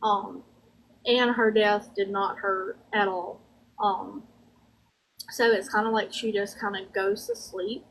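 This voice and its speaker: A woman with a Southern US drawl and a fairly high voice gives a conversational spirit reading, speaking in a folksy, halting manner and often circling back over her words. The audio is poor, with a little hiss or hum.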